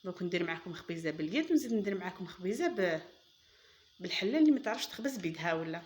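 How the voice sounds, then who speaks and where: A woman's voice: on the low side, lively intonation, very fast, darkish tone. A woman with an Algerian Arabic accent hosting a cooking channel, chatty and enthusiastic, talking viewers through a recipe as she works. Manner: chatty, addresses viewers as girls, enthusiastic praise. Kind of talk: casual cooking demonstration.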